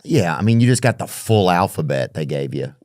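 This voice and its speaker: A man's voice: low-pitched, big pitch swings, brisk, darkish tone, no echo, clean studio sound. A man hosting a casual podcast, telling rambling stories and laughing at his own jokes. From Louisiana. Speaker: podcast host.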